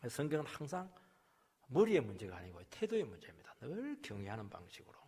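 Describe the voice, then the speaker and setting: A male pastor delivers a sermon in a church sanctuary, his voice carrying a long hall reverb. His pitch sits a little high and leaps widely, and there is a husky edge to it. He drops to near-whispers, then climbs to loud, emphatic peaks. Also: huge pitch swings, fast. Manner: swings from quiet asides to loud emphatic preaching; acts out quoted complaints and rebukes.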